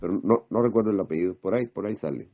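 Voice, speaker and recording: A man giving an informal sermon, firing off rhetorical questions and checking in with a quick "mm?". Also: sits low. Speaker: preacher. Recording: dull lo-fi recording.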